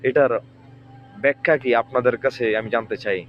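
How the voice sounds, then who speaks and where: A man talking to his viewers, questioning them and slowly stressing how individual words are pronounced. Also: medium pitch, steady tone, lo-fi sound, faint music behind. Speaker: online religious commentator. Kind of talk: rhetorical explanation to viewers.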